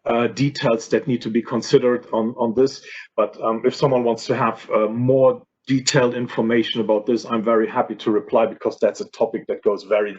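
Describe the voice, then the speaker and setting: Hoarse male workshop presenter, halting delivery, dull lo-fi sound. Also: medium pitch, darkish tone. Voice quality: husky. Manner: hesitant, many fillers and restarts. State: hoarse, losing his voice. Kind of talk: explanatory workshop talk. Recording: dull lo-fi audio.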